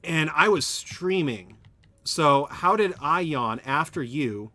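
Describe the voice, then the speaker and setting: Slow-paced yet expressive, a man with a fairly high, bright and forceful voice live-streams himself playing a factory-building game. He rambles while building and talks casually with viewers.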